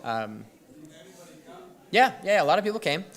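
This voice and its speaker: Very animated yet unhurried, a young man with a high, somewhat bright voice tells a church youth audience about his trip. Speaking in the church hall as presenter, he rambles, breaks off partway through sentences, and uses plenty of fillers.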